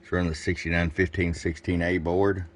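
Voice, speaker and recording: A man with a low voice that barely shifts in pitch talks a little quickly as he reviews gear at an indoor electronics workbench. He's plain-spoken and casual, thinking out loud, and there's faint noise in the background.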